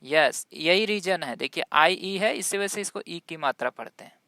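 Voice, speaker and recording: A woman's voice: lowish voice, expressive, normal speed, fairly bright tone, no echo, clean studio sound. A woman with Hindi as her first language teaching English pronunciation, spelling words out letter by letter and quizzing her viewers as she goes. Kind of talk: classroom-style spoken lesson.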